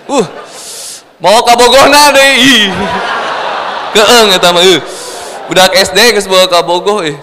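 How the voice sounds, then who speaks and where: A man's voice: sits high, fairly even intonation, unhurried, long pauses, background noise. A male preacher with a Sundanese accent giving a humorous sermon, playful and acting out everyday scenes. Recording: long hall reverb.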